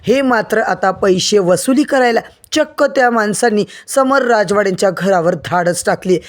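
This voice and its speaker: A woman's voice: mid-range voice, moderate pace. Woman narrating a TV serial recap. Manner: addresses viewers directly, storytelling. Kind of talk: scripted episode recap narration.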